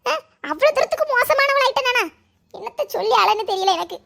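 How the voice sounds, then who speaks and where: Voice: very high-pitched, animated, quick pace, gravelly, fairly bright tone, heavily acted. A voice actor playing a moody young village woman who scolds and grumbles, with a Kanyakumari Tamil accent. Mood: self-pitying. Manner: grumbling, scolding and self-pitying.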